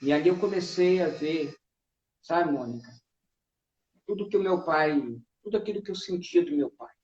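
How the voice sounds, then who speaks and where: A man's voice: sits high, normal speed, darkish tone. A man earnestly telling his personal testimony as a guest, often adding "né". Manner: earnest, full of fillers like "né". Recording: echoey, dull-sounding room.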